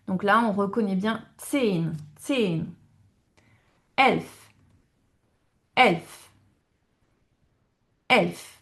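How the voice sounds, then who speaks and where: A woman teaching German numbers to French speakers in a video lesson, patiently addressing the viewer and repeating each word with small hesitations. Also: medium pitch. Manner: addresses viewers directly, frequent hesitation fillers.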